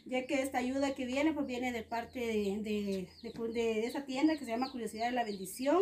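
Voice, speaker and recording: High-pitched Guatemalan woman explaining casually. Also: moderate pace, darkish tone, slight background noise. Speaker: charity vlog co-host. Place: outdoors on a house porch. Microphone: phone camera a short distance away.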